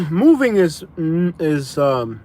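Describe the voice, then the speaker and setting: Extremely slow and mellow, a young Florida man's slightly high voice swings widely in pitch as he casually answers live stream questions. He rambles, restarts, repeats himself, and addresses people as "bro".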